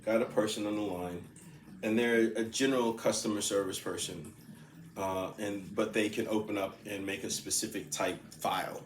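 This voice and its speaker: A man's voice: on the low side, fairly even intonation, normal speed, slight background noise. Rambling man telling a story, echoey room. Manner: rambling, laughs often, repeats himself. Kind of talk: casual storytelling monologue. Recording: echoey room with faint ambience.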